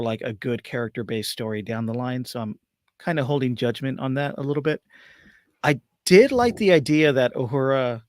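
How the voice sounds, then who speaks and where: A man's voice: mid-range voice, no echo, studio quality. A man co-hosting a podcast, chatting casually and a bit ramblingly as he reviews an episode. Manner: relaxed, rambling, peppered with "like" and "kinda". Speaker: podcast co-host.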